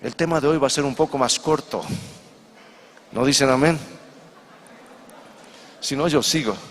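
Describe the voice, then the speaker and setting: A man's voice: mid-range voice, a little slow, long reverb tail, a little hiss or hum. A male pastor preaching a sermon, telling stories and putting rhetorical questions to the congregation. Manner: addresses the congregation directly, asks rhetorical questions. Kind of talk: sermon with storytelling.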